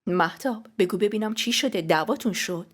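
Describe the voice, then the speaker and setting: A woman's voice: medium pitch, breathy edge, lightly acted. A woman reading a fretful middle-aged mother.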